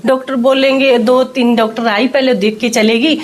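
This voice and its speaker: High-voiced woman telling a testimony. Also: steady tone, moderate pace, slight background noise. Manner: storytelling, acts out quoted speech. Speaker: church member sharing a testimony. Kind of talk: testimony told to an interviewer.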